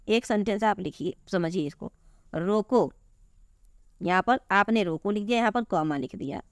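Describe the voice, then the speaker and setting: A woman's voice: medium pitch, no echo, studio quality. A woman Hindi teacher giving a lesson, patiently explaining and repeating points, often addressing her students as children. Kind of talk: classroom lesson explaining grammar.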